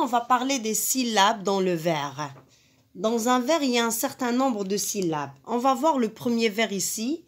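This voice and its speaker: A woman teaching a lesson on rhyme and syllables in poetry, speaking slowly and deliberately and stressing each syllable as she counts. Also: on the high side.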